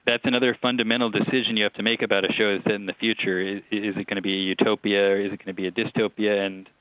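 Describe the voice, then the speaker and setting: A man's voice: fairly low pitch, level tone, fast, no room sound. A man being interviewed about a show he made, talking in a chatty, digressive way with small laughs and restarts. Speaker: TV writer-producer guest. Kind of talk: relaxed interview answers. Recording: tinny phone line.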